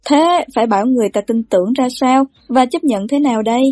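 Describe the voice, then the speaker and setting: Mellow woman reading a novel. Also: a little high, fast talker, dry recording, clean studio sound. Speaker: audiobook narrator.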